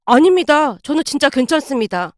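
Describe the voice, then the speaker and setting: Woman voices a meek young husband, quiet and deferential, dry close read. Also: high-pitched, big pitch swings, brisk, dry recording.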